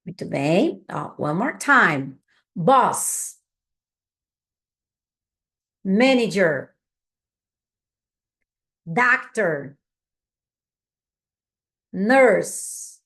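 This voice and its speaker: A native Portuguese-speaking woman teaching English vocabulary, drilling each word slowly for learners to repeat and checking in with them often. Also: mid-range voice, very animated, a bit bright. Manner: slow, patient drilling of words for learners to repeat; casual and encouraging, with frequent check-ins.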